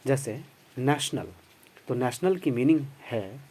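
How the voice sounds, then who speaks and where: Man, grammar teacher, slow delivery, spells out words, dark tone. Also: medium pitch, animated. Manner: slow, patient explaining, spells words letter by letter. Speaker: English teacher. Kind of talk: Hindi-language grammar lesson with English terms.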